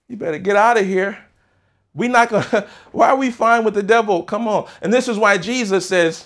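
A man preaching a sermon in a church sanctuary, his voice sitting on the high side for a man. He is fervent and exclaims, calling again and again for the congregation to respond. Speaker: pastor.

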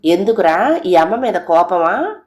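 A tender, loving young mother in an audio story, as a woman narrator puts her on. She speaks softly and pleadingly. Her voice sits a little higher than the narration. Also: sing-song, measured pace, echoey room.

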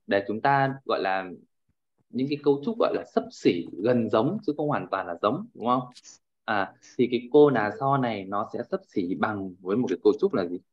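A man's voice: mid-range voice, muffled recording. A man teaching a class over a video call, often checking in with his students and repeating fillers as he explains. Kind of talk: online class lecture.

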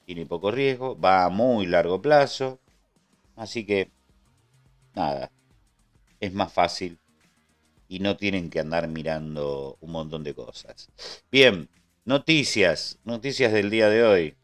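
Over soft background music, a man with an Argentine accent hosts a casual trading livestream, chatting with viewers, answering the chat and thanking subscribers. His voice sits low and sounds expressive, and he speaks slowly with frequent pauses.

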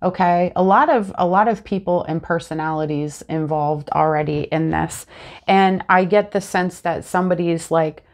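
A woman in her thirties, somewhat stuffy and sniffling, casually talks through a tarot reading to the camera. Her voice is fairly low and her pace moderate, picked up by a lapel mic in a small room at home. She's a chatty, lively reader who gestures with her hands as she speaks.

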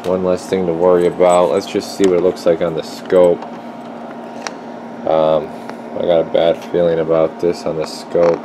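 Working at an electronics bench indoors, a man who is both technician and video host offers casual repair commentary, thinking out loud in a low-pitched voice at a moderate pace. The workshop is noisy, with a steady hum in the background.

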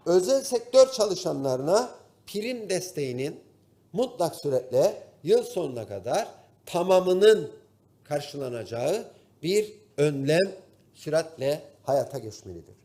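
A man with a Turkish Cypriot accent giving a formal speech to parliament from the rostrum microphone, pausing often with drawn-out fillers. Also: fairly high pitch, very animated, mellow. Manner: formal, addresses colleagues, pauses with drawn-out fillers. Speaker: member of parliament. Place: parliament chamber. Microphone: podium microphone at the parliament rostrum.

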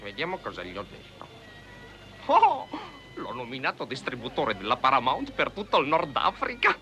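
An actor playing a bumbling, eager young private in a dubbed film comedy, stammering and polite. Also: male voice, medium pitch, wildly swooping pitch, moderate pace, pushed and bright. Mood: flustered bluffing. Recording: old film soundtrack with music behind.

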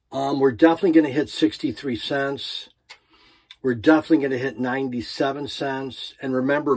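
Man in his fifties, medium pitch, casual vlog chat, short informal phrases, small sauna cabin. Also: a little mellow. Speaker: crypto vlogger. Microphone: phone or camera at arm's length.

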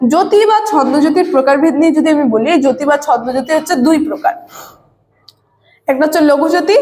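Female teacher with a high voice, patient explainer, echoey classroom with long reverb. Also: darkish tone. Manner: explains patiently, often adds tag questions. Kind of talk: classroom lecture.

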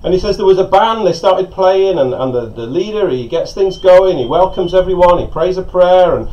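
Animated middle-aged male pastor preaching. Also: high-pitched, moderate pace. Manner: storytelling, animated, gesturing with hands. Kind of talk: sermon. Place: covered porch outdoors by a lake. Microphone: lapel mic. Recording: slightly dull sound with faint outdoor ambience.

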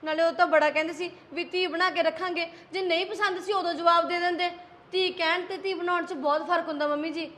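A woman's voice: very high-pitched, fairly even intonation, brisk, fairly bright tone. A young woman playing a patient daughter-in-law from Punjab, earnest and pleading. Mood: hurt. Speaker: young wife. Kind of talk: amateur village drama acting.

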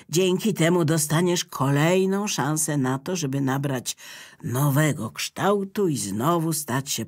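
Electricity, a calm and kindly male spirit, voiced by a woman, speaks low and slow with soothing patience. He reassures the others in a storybook tale. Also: husky, heavily acted. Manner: gentle and soothing.

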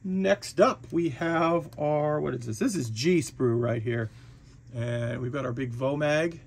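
A man's voice: medium pitch, measured pace, creaky, slight background noise. Casual man walking through a kit. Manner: relaxed, chatty, with frequent fillers and restarts. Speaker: hobby shop owner reviewing a model kit. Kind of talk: casual product walkthrough.

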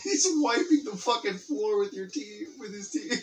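A man's voice: high voice, animated, moderate pace. A man chatting casually over a video game, teasing and swearing as he comments. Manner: sweary, teasing, laughs often. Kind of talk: casual chat over gameplay.

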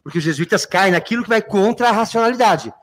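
A man's voice: high-pitched, animated, fast talker. A Brazilian man teaching a literature review class, often checking that students follow and calling them by fond names. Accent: Brazilian Portuguese. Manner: keeps checking understanding, addresses students fondly. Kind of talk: exam review lecture.

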